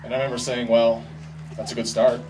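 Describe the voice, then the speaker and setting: A man's voice: medium pitch, level tone, a little fast. Man giving a wedding speech, distant noisy recording. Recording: distant mic, noisy live event ambience.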